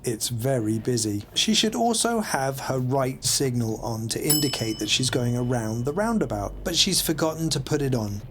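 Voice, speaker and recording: A man's voice: mid-range voice, expressive, moderate pace, few pauses, background noise. A man narrating a mock driving test as an instructor, in an explanatory, evaluative voice-over. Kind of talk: scripted voice-over commentary. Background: music under the voice.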